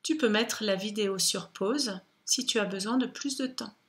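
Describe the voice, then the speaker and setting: A woman teacher giving a phonics lesson to young children, speaking slowly and patiently with careful articulation. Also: medium pitch.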